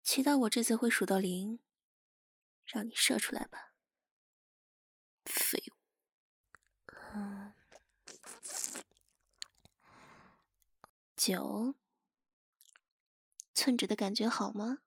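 女声优演绎的贴耳低语、气声沙哑的轻蔑女子，耳语角色扮演. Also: female voice, fairly high pitch, measured pace, long pauses, fairly bright tone, no room sound, full character voice. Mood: taunting, whispering. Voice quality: breathy, husky. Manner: close-up murmuring, right in the listener's ear. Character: teasing, contemptuous dominant young woman, intimate and controlling. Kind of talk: ASMR role-play. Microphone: very close, dry microphone.

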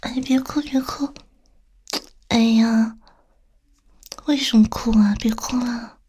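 In an intimate, whispered audio roleplay, a woman plays a teasing female boss flirting with a younger employee. Her breathy, slightly high voice stays steady and warm as she speaks slowly, coaxing, tender and soothing.

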